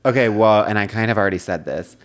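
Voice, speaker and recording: A low-pitched man co-hosting a comedy podcast. He talks in an easygoing, agreeable way and often draws his phrases out. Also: quick pace. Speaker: podcast co-host. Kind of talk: casual comedic chat.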